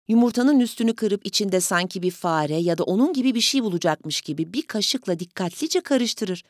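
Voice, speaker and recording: A woman narrating a storybook in an even, measured way, her voice sitting at a middling pitch. The recording is dry and close, with no room sound around her. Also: dry recording. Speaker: audiobook reader.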